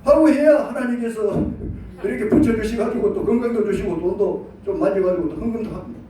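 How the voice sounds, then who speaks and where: A male pastor preaching a sermon, animated, acting out quoted prayers and leading the congregation to repeat after him. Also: high-pitched, fairly quick. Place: church sanctuary. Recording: echoey church hall from far off.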